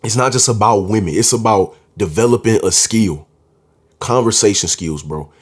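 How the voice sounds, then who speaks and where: A man's voice: fairly low pitch, moderate pace, breathy edge. A man talking casually to camera, giving dating advice in a confident, slangy way and often calling the listener "bro". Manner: confident, emphatic.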